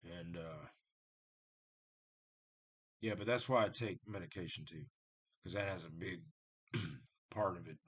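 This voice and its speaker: A man talks to his viewers about Satanism, unscripted and casual, rambling and circling back on himself while staying blunt and direct. His voice is low and husky. He goes slowly, with long pauses.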